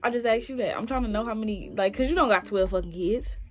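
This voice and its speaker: A woman's voice: on the high side, quick pace. A young woman chatting casually on video with strangers, blunt, slangy and full of swearing. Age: young adult. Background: music.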